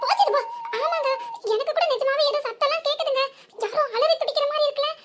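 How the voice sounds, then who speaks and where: A woman's voice: very high voice, quick pace, fairly bright tone. A woman voicing a chatty, teasing young village wife in a comic cartoon, with a southern Tamil Nadu accent and gossipy muttered asides.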